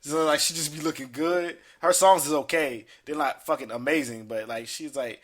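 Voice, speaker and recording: A man's voice: a little high, fairly even intonation, moderate pace, fairly bright tone. A man, hosting a casual podcast chat, talking in profane street slang and telling stories with animation. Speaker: podcast host.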